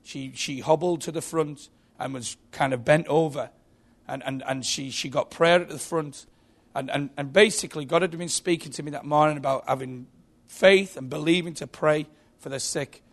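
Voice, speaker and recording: A man's voice: fairly high pitch, normal speed. A man preaching a sermon in a church, telling stories with frequent restarts and repeated words.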